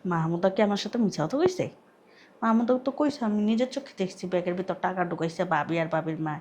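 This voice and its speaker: A woman's voice: animated, fast talker, a little mellow, slight background noise, natural voice. An actress playing a puzzled mother-in-law muttering to herself. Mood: baffled. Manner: muttering, low, baffled.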